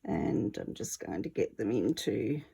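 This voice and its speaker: Wheezy, slow-talking woman demonstrating crafts. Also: very deep voice, animated, dark tone. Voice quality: wheezy, breathy voice. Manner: chatty, easygoing, self-deprecating. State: short of breath. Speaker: craft tutorial presenter. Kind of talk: casual hands-on art demonstration.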